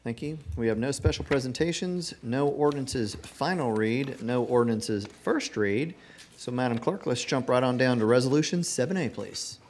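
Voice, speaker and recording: A man chairing a council meeting with measured, orderly, formal procedure. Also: medium pitch, animated, darkish tone. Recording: noisy room ambience.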